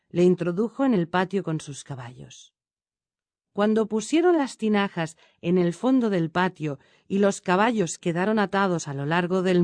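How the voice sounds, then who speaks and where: A woman reads a storybook tale aloud in a steady, measured way. Her pitch sits in the middle range. The recording is dry and close, with no room sound. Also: dry recording. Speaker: narrator. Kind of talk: scripted storybook narration.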